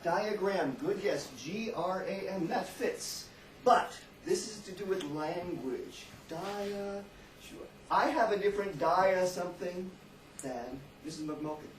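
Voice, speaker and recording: A man from Texas with a Southern American accent, teaching a class and explaining slowly, with lots of repetition. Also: sits high. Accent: Southern American, Texan. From Texas, southern United States. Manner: animated, explains slowly and repeats words for the class. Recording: echoey classroom from far off with faint noise.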